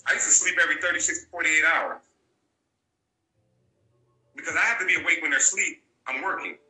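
In a candid interview, a male guest tells stories briskly in a forceful, bright voice pitched slightly high. He's blunt and drives his points home through repetition, and the room adds a noticeable echo.

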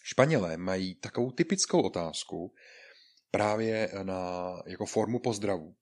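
A man teaching an online Spanish lesson to beginners, explaining patiently, repeating phrases, and acting out greetings in a raised, lively voice. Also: on the low side. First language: Czech.

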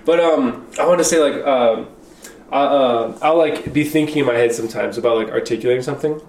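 A man's voice: medium pitch, fairly quick, a little mellow. Rambling young man, roomy distant sound. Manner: rambling, many fillers and restarts. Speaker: podcast co-host. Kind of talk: casual chat. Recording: roomy and a bit distant from mic.

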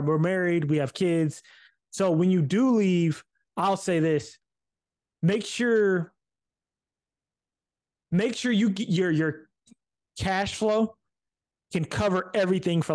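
A man co-hosting a podcast in casual chat, talking in animated bursts, repeating himself and swearing casually. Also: on the high side. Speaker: podcast co-host.

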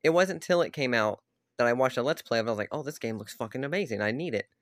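A man rants casually about games, cursing freely and laughing at his own complaints. His voice sits at a middle pitch. The recording is dry and close, with no room sound. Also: quick pace, dry recording. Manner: swearing, animated, self-deprecating, laughs often. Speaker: YouTuber ranting about games. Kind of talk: casual rambling rant.

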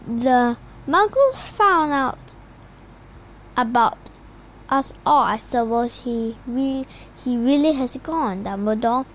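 A woman's voice: fairly high pitch, lively intonation, a little hiss or hum. A woman reading as a stern, irritable woman professor. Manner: halting read-aloud with slips.

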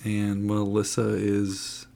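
A man's voice: lowish voice, monotone, slow pace, creaky, dark tone. A man, co-hosting a casual podcast and joking around teasingly. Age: 40s. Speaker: podcast co-host.

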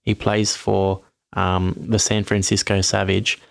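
A man's voice: low voice, little pitch movement, slow, gravelly, dry recording, clean studio sound. A man co-hosting a casual sports podcast, rambling and self-correcting, a little tipsy from wine. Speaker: podcast co-host.

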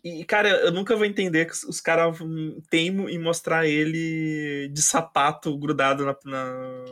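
A man's voice: fairly high pitch, steady tone, measured pace, fairly bright tone. A Brazilian man co-hosting a podcast with casual, slangy banter. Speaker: podcast co-host.

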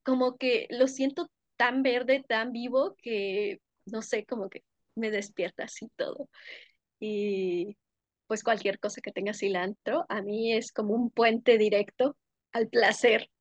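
Effusive young woman, bright voice, dry sound. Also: fairly high pitch, fairly even intonation, slow, dry recording, muffled recording. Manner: warm, effusive, sensory descriptions with frequent laughs. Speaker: podcast guest, workshop leader. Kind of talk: casual conversational interview.

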